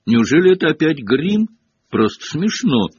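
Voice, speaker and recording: A man voicing a clever, scornful schoolgirl who is quick to anger and talks sharply and indignantly. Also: fairly low pitch, very animated, a little mellow, breathy edge. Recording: dull lo-fi cassette audio.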